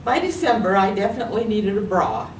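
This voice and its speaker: Reading her personal story to an audience in a library room, an older American writer uses a medium pitch with big swings and a fairly quick pace. Her delivery is expressive. A distant mic captures the echoey room along with faint noise.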